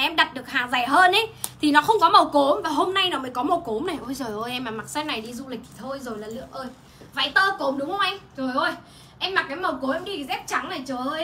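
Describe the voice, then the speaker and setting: A young woman hawks clothes on a livestream, talking quickly with a high, bright voice. She chatters on and exclaims often. Faint room ambience sits behind her. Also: a little hiss or hum. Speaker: online clothing seller. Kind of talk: livestream sales pitch. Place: indoor home shop.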